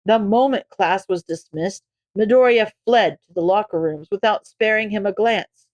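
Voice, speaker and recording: A woman reading fan fiction aloud in a steady storytelling narration. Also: mid-range voice, no echo. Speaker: audiobook reader.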